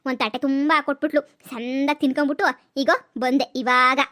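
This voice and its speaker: Cartoon granny: old, greedy, chatty, high and drawn-out, voiced by a woman. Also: fairly even intonation, a bit bright. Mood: rambling. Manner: rambling, drawn-out, food-obsessed chatter. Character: greedy gossipy old village grandmother. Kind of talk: cartoon comedy voice acting.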